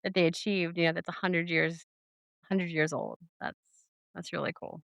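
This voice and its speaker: A woman's voice: fairly low pitch, fairly even intonation, normal speed, vocal fry, fairly bright tone, dry recording. A woman co-hosting a casual podcast, rambling with many fillers and restarts and giggling asides. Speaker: podcast co-host. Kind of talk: casual chat.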